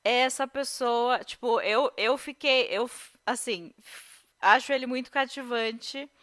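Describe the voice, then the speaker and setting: A woman's voice: on the high side, measured pace, a bit bright. A Brazilian woman, a podcast guest, casually discussing a film with hesitant fillers and restarts. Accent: Brazilian Portuguese.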